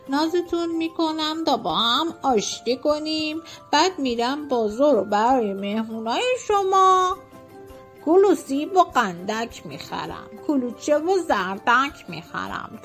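A woman's voice: high-pitched, a bit bright. A woman voicing a polite young male mouse in a children's story, speaking sweetly and courteously.

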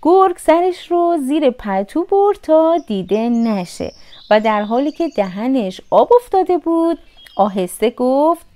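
A woman narrating a children's fairy tale with expressive, sing-song storytelling. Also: sits high.

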